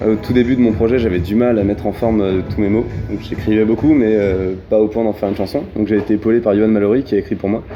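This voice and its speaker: A man's voice: lowish voice, steady tone, fast talker, hardly any pauses, lo-fi sound, soft background music. A man with a Parisian French accent chatting casually as an interviewed singer, often hesitating and repeating words. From Paris region, France. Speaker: pop singer being interviewed.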